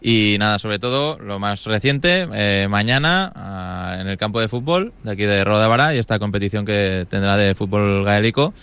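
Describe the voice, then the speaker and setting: A man's voice: fairly low pitch, lively intonation, normal speed, hardly any pauses, fairly bright tone, clear, resonant tone. A man hosting a casual interview, encouraging and often rephrasing his questions. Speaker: radio host, interviewer. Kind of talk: casual local radio interview.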